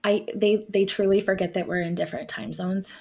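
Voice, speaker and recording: A woman's voice: mid-range voice, flat delivery, brisk, a little mellow, breathy edge. Candid laughing woman co-host. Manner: candid, laughing often, trailing off mid-sentence. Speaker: podcast co-host. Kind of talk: casual chat.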